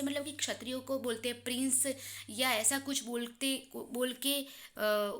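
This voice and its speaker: A woman's voice: a little high, fairly bright tone. A woman teacher giving a recorded class lesson, explaining a text patiently, line by line.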